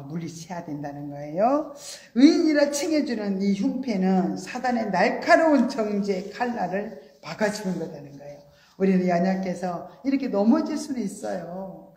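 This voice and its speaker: A woman's voice: mid-range voice, warm tone. A woman preaching a sermon in an emphatic way, acting out quoted lines with a rising voice. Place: church sanctuary. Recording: roomy church echo.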